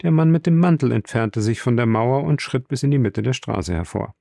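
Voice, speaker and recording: A man narrating a classic novel as an audiobook, measured and even. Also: mid-range voice, gravelly, no room sound, clean studio sound.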